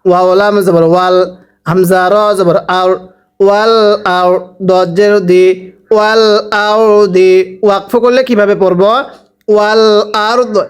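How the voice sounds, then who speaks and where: Slow, smooth Bangladeshi male Quran teacher. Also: sits high, fairly even intonation. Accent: Bangladeshi Bengali. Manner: spells out syllables, then chants drawn-out recitation. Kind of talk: Quran spelling and recitation lesson.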